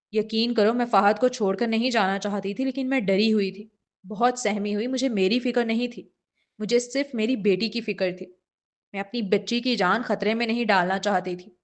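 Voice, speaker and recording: A woman reader voices a frightened mother confessing her part in a crime. She tells it earnestly, with fear and guilt, in a mid-pitched voice, as part of a storybook reading. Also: natural voice. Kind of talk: audiobook character reading.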